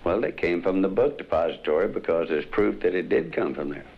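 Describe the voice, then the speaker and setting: A man's voice: low-pitched, sing-song, fairly quick, gravelly, narrow, tinny audio, a little hiss or hum. A man giving brief, hesitant, plain answers as an eyewitness in an interview, on a 1960s vinyl record.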